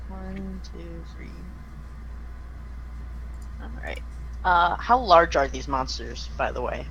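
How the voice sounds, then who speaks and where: Higher-voiced man in casual group voice chat. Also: expressive, slow, highs cut off. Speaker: player in a tabletop role-playing game. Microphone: push-to-talk voice chat mic. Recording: noisy remote voice-chat microphone.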